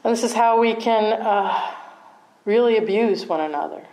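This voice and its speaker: A woman's voice: on the high side, moderate pace, dark tone, poor audio. A middle-aged woman teaching meditation in a conversational dharma talk, often checking in with her listeners and laughing at herself.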